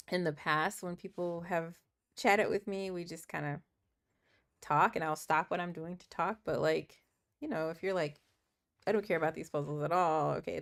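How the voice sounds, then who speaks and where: A woman hosting her own livestream, chatting casually and earnestly while she works through puzzles, with a croaky morning voice and frequent laughs. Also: fairly low pitch. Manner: chatty, earnest, laughs often, thinks aloud. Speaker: livestream host.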